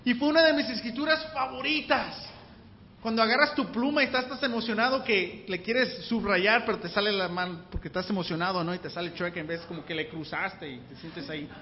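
A man preaching a church sermon in a conversational way, often asking the listeners whether they follow and drawing out key words. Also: high voice. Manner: conversational, keeps asking the listeners "you know?"; slow and deliberate, stretching key words. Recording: long hall reverb, dull lo-fi sound, faint background noise.

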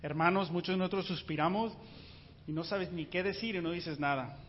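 A man preaching a sermon in an animated way, asking his congregation rhetorical questions. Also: high-pitched, a little fast, a little hiss or hum. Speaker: pastor. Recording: muffled sound with long hall reverb.

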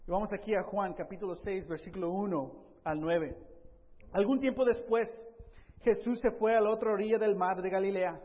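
A man preaching a sermon, lively, asking rhetorical questions and acting out Bible scenes. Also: high-pitched, normal speed, big-room sound, lo-fi sound. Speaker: pastor.

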